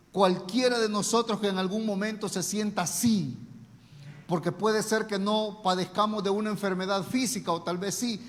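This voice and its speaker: Preacher man, high voice, echoing hall. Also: fairly bright tone. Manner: storytelling, emphatic with dramatic pauses. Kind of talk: sermon.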